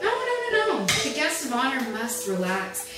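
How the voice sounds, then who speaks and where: A woman's voice: sits high, huge pitch swings, moderate pace, loud music behind the voice. A woman playing a flirtatious, worldly woman who is hosting a dinner date, speaking in a teasing, doting manner. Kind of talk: audio drama acting.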